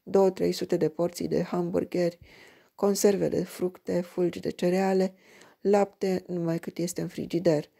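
A woman voicing a practical, calm male barman at a roadside diner in a read-aloud story. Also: fairly low pitch, vocal fry. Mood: matter-of-fact.

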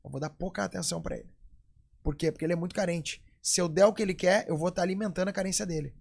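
A man's voice: sits high, rapid-fire, creaky, darkish tone. A man in his forties with a Gaúcho accent from southern Brazil, a jiu-jitsu coach talking emphatically and a bit preachily as a podcast guest. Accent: Gaúcho, Rio Grande do Sul. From Porto Alegre, southern Brazil. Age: 40s. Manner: emphatic, preachy, acts out quoted voices. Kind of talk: casual podcast chat.

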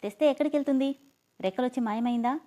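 A woman's voice: sits high, fast talker, warm tone, lightly acted. A woman reading as a stern schoolteacher. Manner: stern, scolding. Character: stern female schoolteacher, scolding.

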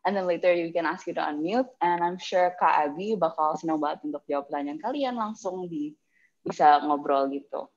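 A woman's voice: sits low, a little fast. A young woman with an Indonesian accent hosts an online event casually and chattily, talking through a face mask. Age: young adult. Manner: informal, code-switching chatty delivery. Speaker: host of an online workshop. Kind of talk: casual bilingual event hosting. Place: public area, on a video call. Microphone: video call, masked mouth. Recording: dull, muffled video call audio.

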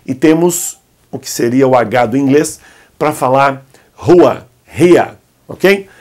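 A man teaching the alphabet at a whiteboard, whose first language is Arabic. He talks patiently and coaxingly, and says each letter's sound slowly so the learner can repeat it. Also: medium pitch, expressive, darkish tone. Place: indoor classroom at a whiteboard.

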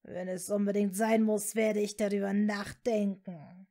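Woman reading as a hissing dark wizard man, cold, scornful, very slow, even pitch. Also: natural voice. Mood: mocking.

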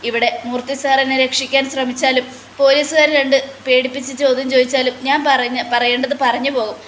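A woman's voice: high-pitched, little pitch movement, brisk, fairly bright tone, a little hiss or hum. A woman voicing a frightened male shop worker and father of two who stammers and pleads anxiously. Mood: fearful pleading.

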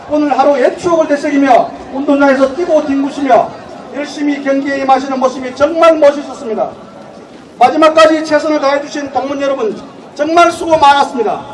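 Guy booming out announcements at an outdoor event, really high voice, crowd around. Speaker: event speaker and prize announcer. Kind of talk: public address at an outdoor event, calling out speech and raffle numbers. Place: outdoor school sports ground. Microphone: stage PA, picked up by distant camera. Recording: distant outdoor loudspeaker, crowd noise.

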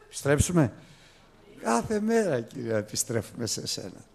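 A man preaching a sermon, telling the story with lively, acted-out storytelling. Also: mid-range voice, vocal fry. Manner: animated storytelling, acting out biblical characters with raised, excited voice.

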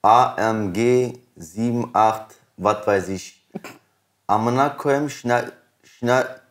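Young man, host, slow pace, casual slang, hesitant word-searching. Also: mid-range voice. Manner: halting, searching for words. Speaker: host reading out comments.

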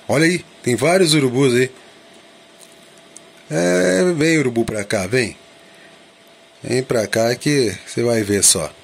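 A man's voice: medium pitch, slow pace, gravelly, pauses often, breathy edge. A man giving casual drone vlog commentary, thinking aloud and asking himself questions in an informal way. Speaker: drone vlogger.

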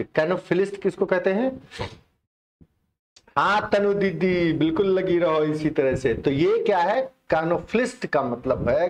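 A man's voice: fairly high pitch, darkish tone. A man teaching English vocabulary in a chatty, repetitive online exam-prep lesson. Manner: explains in Hindi mixing English terms, chatty and repetitive.

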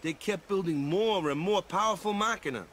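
An easygoing high-voiced island lad. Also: male voice, normal speed, fairly bright tone, slight background noise. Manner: easygoing, ends sentences with "yeah?". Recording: game music behind.

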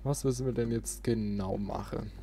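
A let's player running his channel chats casually, reasoning aloud with playful little interjections as game music plays. His medium-pitched voice has a dark tone, fairly even intonation and a moderate pace. There's slight background noise on the close desk microphone.

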